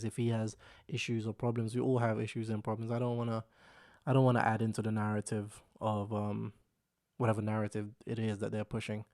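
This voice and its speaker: His voice is on the low side with a darkish tone as he hosts a casual solo vlog through a camera microphone. A young man originally from the Philippines, he has lived in London since his teens. He rambles, circles back over the same ground, and frequently says "you know what I'm saying".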